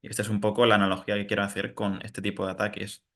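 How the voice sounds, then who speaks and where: A man's voice: on the low side, completely flat delivery, racing, a bit bright. A man from giving an informal technical webinar talk, explaining through everyday analogies and often checking in with "¿no?". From Spain, south of Madrid. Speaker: webinar presenter.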